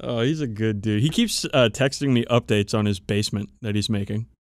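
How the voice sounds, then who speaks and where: A podcast co-host with a lowish, brisk voice chats casually with friends, swearing freely as he tells animated stories about tabletop games. The recording is dry, with clean studio sound.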